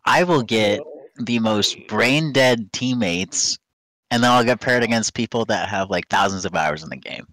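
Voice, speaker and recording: A man's voice: fairly low pitch, moderate pace, a bit bright, no echo. A young man chatting casually on a podcast, complaining in a laid-back way about online games. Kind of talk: casual chat among friends.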